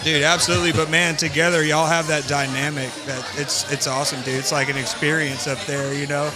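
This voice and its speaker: Upbeat co-interviewer, slightly higher voice, blaring music behind. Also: male voice, level tone, fairly quick. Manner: affirming, "absolutely, man" style. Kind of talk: casual chat.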